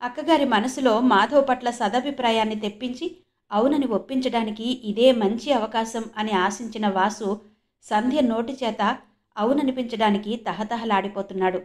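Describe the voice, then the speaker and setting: A woman with a fairly high voice reads a novel aloud, and her telling is steady and expressive. She narrates the story at an even, measured pace and lets each scene carry its feeling. She is from India. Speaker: audiobook narrator. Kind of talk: novel reading.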